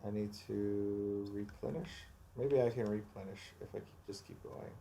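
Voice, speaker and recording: A man's voice: on the low side, moderate pace, vocal fry, dark tone, slight background noise. A man casually commentating on a video game as a streamer, musing and thinking aloud off the cuff.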